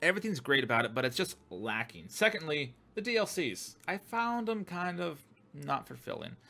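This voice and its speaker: A man's voice: a little high, sing-song, normal speed, gravelly, pushed and bright. A man hosting his own gaming channel, giving a casual, rambling opinion monologue full of fillers, restarts and swearing.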